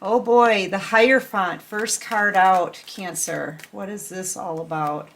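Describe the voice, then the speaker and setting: A woman gives a casual tarot reading, chatty and affectionate, with lots of fillers and restarts. She's a little sick and keeps clearing her throat. Her voice is medium in pitch, steady in tone and slow.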